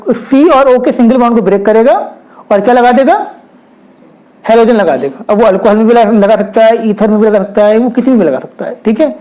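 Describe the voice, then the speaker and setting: A young man teaches chemistry at a whiteboard, often posing rhetorical questions and addressing his students directly. His voice is high-pitched with a dark tone, and the recording is rough.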